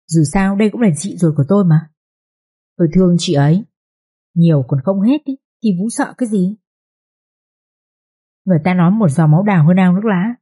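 A woman's voice: on the low side, a little fast, pauses often, dark tone, slightly rough. A woman voicing a scheming second wife who speaks in a falsely sweet, coaxing voice in an audio story. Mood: feigned sweetness.

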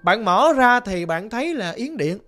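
A man in a Southern Vietnamese accent telling a ghost story in a chatty, animated way, talking straight to his listeners. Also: high-pitched, normal speed, faint music behind.

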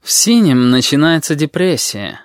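A man's voice: on the high side, sing-song, normal speed, smooth, dry recording, clean studio sound. A man voicing a blunt, cool-headed teenage boy who speaks dryly in an audiobook.

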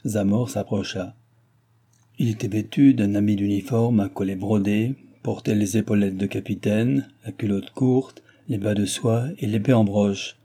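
Guy reading an audiobook, low husky voice, steady and calm. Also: unhurried. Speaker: audiobook narrator. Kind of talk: scripted narration.

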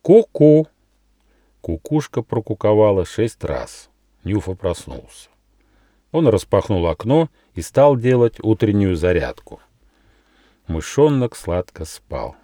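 A man narrates his own fairy tale with a low, mellow voice and lively, expressive turns. The recording is close and dry from a studio, with no room echo. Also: measured pace. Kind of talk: scripted audiobook narration.

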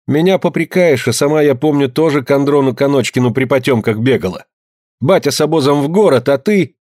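A man reading a story, voicing a defiant young peasant woman who answers with sharp, biting retorts. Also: medium pitch, fairly quick, no room sound, studio quality, pitched above the performer's own voice, natural voice.

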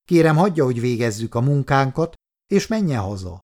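Gruff army officer, curt and bossy, kinda stiff, read by a guy. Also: mid-range voice, big pitch swings, darkish tone, lightly acted. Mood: stern. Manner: curt, authoritative. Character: gruff male army officer, stern and guarded. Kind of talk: audiobook dialogue.

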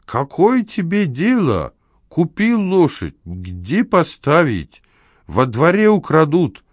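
A man voicing a hot-tempered neighbour who shouts gruffly at his horse in an audiobook. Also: a little high, wildly swooping pitch, very slow, dry recording, clean studio sound, pitched above the performer's own voice, exaggerated voice. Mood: yelling angrily.

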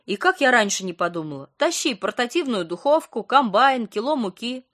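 An earnest young woman lying in a hospital bed, as the reader voices her in an audiobook, her voice a touch higher than the narration. She talks politely and a little anxiously, eager to please. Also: animated, moderate pace, natural voice. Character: young woman patient after surgery, anxious but polite.

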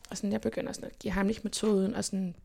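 Creaky young woman telling a story. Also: mid-range voice. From Denmark. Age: young adult. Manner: lively, animated retelling with quoted inner speech. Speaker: guest. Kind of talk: casual personal storytelling.

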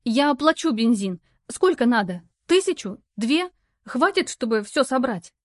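Stressed young office worker, shrill when upset, indignant, a woman putting her on, dry close recording. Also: very animated, unhurried, dry recording. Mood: exasperated.

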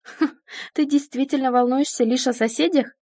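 A woman's voice: a little high, fairly even intonation, moderate pace, warm tone, no room sound, studio quality, lightly acted. A woman reading the lines of an angry, sarcastic wife confronting her cheating husband, in an audiobook. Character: betrayed wife, adult woman, furious and sharp-tongued.

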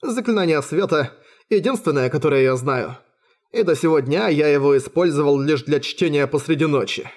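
A man's voice: fairly high pitch, normal speed, natural voice. A man voicing a weary, kindly male sorcerer who speaks mildly in an audiobook. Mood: grateful gentle. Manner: mild, cheerful and gentle.

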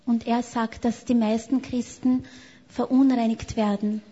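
A woman interpreting a sermon live in a level, steady voice. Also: a little high, a little slow, slightly rough. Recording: echoey hall, dull sound.

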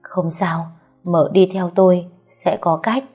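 A woman's voice: lowish voice, steady tone, slow, mellow, breathy edge, soft background music. A woman voicing the tormented ghost of an older nanny who weeps and begs for help. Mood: urging. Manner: weeping, pleading urgently.

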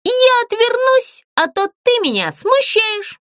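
A woman voicing a vain, showy female doll actress with a shrill, theatrical manner. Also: very animated, slow, bright, forceful tone, dry recording, clean studio sound, exaggerated voice.

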